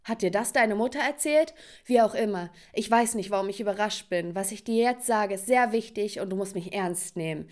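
A woman's voice: medium pitch, a little fast, few pauses, close to an everyday voice. Woman reading a desperate father. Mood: urgent. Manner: urgent, pleading. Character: desperate hiding father on phone.

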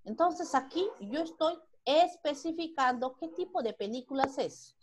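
A woman's voice: high-pitched, expressive, measured pace, background noise. A Peruvian woman teaching a primary school grammar lesson online, who asks the class questions and then answers them herself. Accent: Peruvian Spanish.

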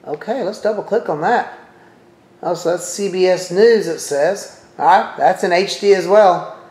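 A man's voice: sits high, moderate pace, a little mellow. A middle-aged man casually walking viewers through a TV streaming service, thinking aloud with chatty asides as he clicks around. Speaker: presenter demonstrating a TV streaming service. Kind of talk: casual walkthrough talking to viewers. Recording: roomy echo.

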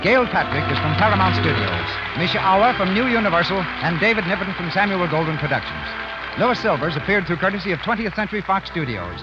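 Loud music plays behind a high-pitched American man pitching radio ads in the emphatic, formal style of the 1930s. He is very animated and brisk but still enunciates carefully, and the whole recording has a muffled, vintage-broadcast quality.

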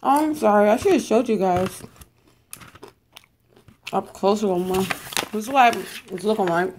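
Young woman doing a mukbang at home, losing her voice a bit, chatty and bubbly, mid-pitched. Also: normal speed, darkish tone, slight background noise. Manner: chatty, bubbly, talks while eating. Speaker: mukbang vlogger. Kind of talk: casual eat-with-me chat.

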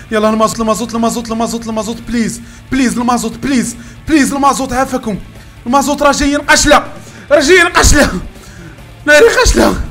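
Moroccan guy yelling through a game super fast, repeats everything, high voice, little music behind. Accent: Moroccan Arabic. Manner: frantic, shouting and repeating words. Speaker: gaming channel host. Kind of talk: excited gameplay commentary.

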